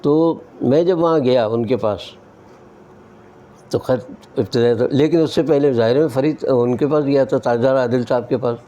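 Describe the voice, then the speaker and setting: An older Pakistani-born humor columnist talks in a relaxed, anecdotal way, slipping into playful imitations of how others mispronounce words. His voice is mellow and dark, sitting at an ordinary male pitch. The delivery is wry and unhurried, like a storyteller at ease. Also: dull audio. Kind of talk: relaxed anecdotal talk on language.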